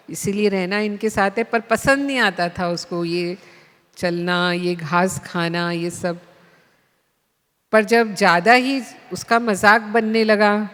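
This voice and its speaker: A woman spiritual teacher telling a story in a class, in an unhurried storytelling manner. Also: mid-range voice. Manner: unhurried storytelling, voices the animals. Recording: long hall reverb.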